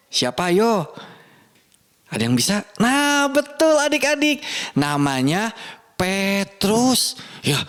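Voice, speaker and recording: A young man teaching children in church, telling a Bible story in an animated, playful way and asking the kids questions. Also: sits high.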